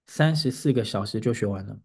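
A man's voice: a little fast, slightly rough. A man hosting a casual podcast as an English teacher, telling a classroom story and sounding out English words to show intonation. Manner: animated storytelling, pitch rising as he gets excited; demonstrates English word intonation aloud.

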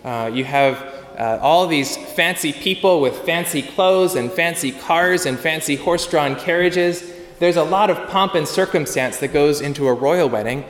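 A man's voice: a little high, normal speed. A man preaching in a church, talking with the congregation in a conversational way and asking them questions. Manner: conversational, asks the congregation questions, some filler words. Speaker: pastor. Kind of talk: sermon. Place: church sanctuary. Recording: long church reverb.

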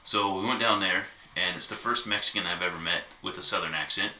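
A man's voice: low-pitched, brisk, sharp tone. A man in casual chat, telling a long, easygoing story with many asides. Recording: echoey room, mic at a distance, faint noise.

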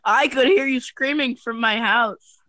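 A young woman on a friends' call, teasing in a slow, deadpan way. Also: fairly high pitch, background noise. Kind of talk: casual chat among friends on a call.

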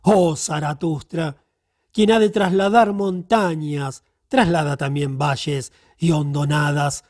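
A man voicing a stern, voiceless spirit of the silent hour in an audiobook, speaking slowly and solemnly. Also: a little high, fairly even intonation, darkish tone, no room sound, clean studio sound. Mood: stern, admonishing.

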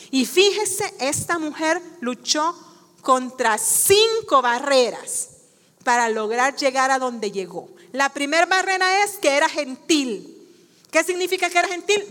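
A woman delivers a sermon as a guest preacher, her voice sitting high for a woman. She keeps turning to the congregation with rhetorical questions. Her words ring out with a long reverb in the church hall. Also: fairly bright tone.

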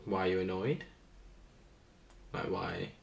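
A man's voice: sits low, fairly even intonation, takes it slowly, gravelly, roomy sound. A man in a casual chat, good-humoured and self-mocking as he guesses words. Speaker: vlogger being quizzed.

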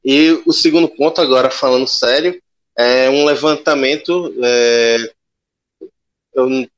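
A man's voice: mid-range voice, fairly even intonation, unhurried. A man giving colloquial, emphatic sports commentary as a podcast panelist.

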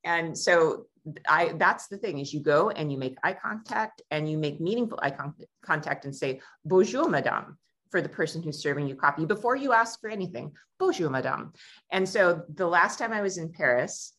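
American lady host, chatty storyteller, slightly low voice, does little voices when she quotes people. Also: brisk. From United States. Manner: animated, acts out quoted voices. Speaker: travel show host and tour guide. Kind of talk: casual conversational storytelling.

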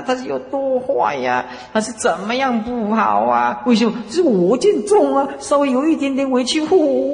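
Man, Buddhist monk, lively swooping delivery, long hall reverb. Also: very high voice, creaky. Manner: animated, emphatic, rhetorical questions. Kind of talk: dharma lecture.

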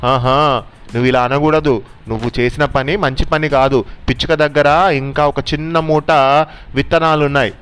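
Brief: a strict, wise owl who scolds, voiced by a man, a little raised in pitch. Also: fairly even intonation, normal speed, a bit bright, clean tone, close to an everyday voice. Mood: stern. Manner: scolding, firm. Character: owl, stern wise female bird.

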